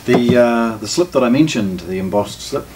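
Expressive and moderately paced, a middle-aged man with a medium-pitched voice presents an unscripted product unboxing as a shop presenter and reviewer. He's recorded by a far-off camera mic in a small indoor listening room with shelves, and clicks and background noise come through.

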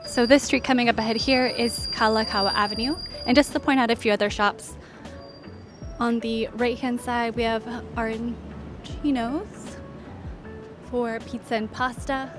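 Unhurried and fairly even in intonation, a woman with a somewhat high voice narrates a walking tour as a travel guide and vlog host. She points out sight after sight in an orderly, conversational, informative way, with faint music behind her.

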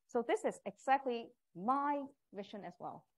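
A woman's voice: on the high side, expressive, moderate pace. A woman with a Cantonese accent, a non-native English speaker with small grammar slips, gives a live presentation as a professor. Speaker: professor teaching a communication course. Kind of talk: live presentation to prospective students.

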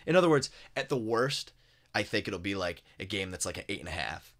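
Fast-talking excitable man, bright tone. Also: on the low side. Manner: fast, excitable, trails off and restarts, swears. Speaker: podcast co-host. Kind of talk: casual chat about video games. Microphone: podcast microphone.

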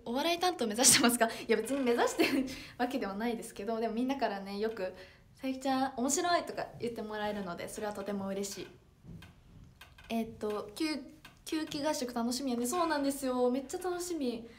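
A woman's voice: a little high, fairly quick, a little hiss or hum. Cheerful teenage girl with a Toyama accent. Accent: Toyama dialect. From Toyama, Japan. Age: teens (16). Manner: bright and polite, many fillers, reads comments aloud. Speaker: idol livestreamer reading viewer comments. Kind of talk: casual livestream chat.

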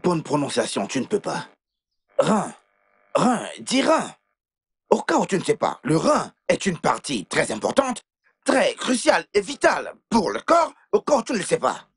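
A man's voice: fairly high pitch, wildly swooping pitch, moderate pace, breathy edge, no room sound, exaggerated voice. A man doing Peter, a pompous fussy house worker. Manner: pompous, correcting others, laughing at them. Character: pompous young male house worker, fussy over big words. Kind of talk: dubbed film acting.

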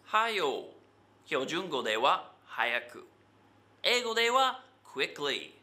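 Guy teaching dialect, slow and bouncy, repeats every phrase. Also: fairly high pitch, very animated, over music. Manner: drills each phrase with a cheerful repeat. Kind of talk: comic language lesson.

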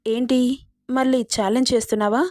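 A woman voicing an arrogant, domineering young male boss in a romance story, with mocking, fast retorts. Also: a little high, fairly even intonation, darkish tone, dry recording, studio quality, close to an everyday voice.

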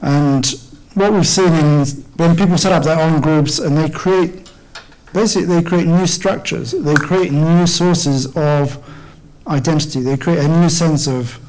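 Middle-aged male panelist, a touch high-pitched, careful and halting, speaking into a table mic. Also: a little mellow, a little hiss or hum, low-quality recording. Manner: measured, restarts phrases, clears throat often. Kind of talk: panel discussion answer. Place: conference hall. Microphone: table microphone.

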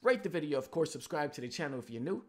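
A man, a gaming YouTuber, giving relaxed, loose commentary on gaming news with plenty of ums and uhs. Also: fairly high pitch, quick pace.

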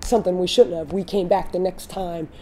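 A woman in her thirties, a head coach giving a candid postgame interview, speaking in a measured way with frequent fillers. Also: lowish voice, fairly even intonation, mellow, slight background noise. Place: studio backdrop, indoors.

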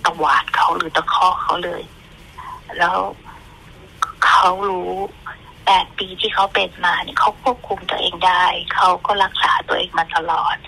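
A middle-aged woman giving an earnest, halting account in an interview as a mother, often repeating herself. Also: lowish voice, fairly even intonation, gravelly, pushed and bright, slight background noise, rough recording.

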